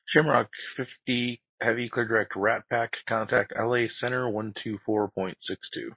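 A man's voice: mid-range voice, steady tone, moderate pace, gravelly, pushed and bright, slightly rough, no room sound. A man giving clipped, procedural air traffic control instructions over radio in a flight simulation. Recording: dry, dull band-limited radio audio.

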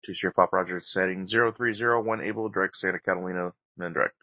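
A man's voice: deep voice, fairly even intonation, racing, sharp tone, no room sound. A man giving clipped, procedural air traffic control instructions over radio in a flight simulation. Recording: dry, dull band-limited radio audio.

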